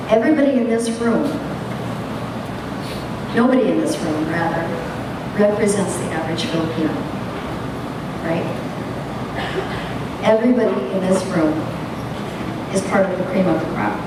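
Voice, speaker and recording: A woman who trains teachers gives an earnest conference lecture, speaking emphatically and putting questions straight to the audience. She is in a large, echoey lecture hall, recorded from a distant mic with rumbling noise.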